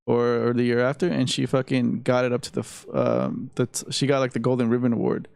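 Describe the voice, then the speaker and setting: A man's voice: medium pitch, brisk, creaky, darkish tone. A man in his thirties co-hosting a casual podcast, talking loosely with swearing and fillers. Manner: loose, profane, full of fillers. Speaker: podcast co-host. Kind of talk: casual drunken chat.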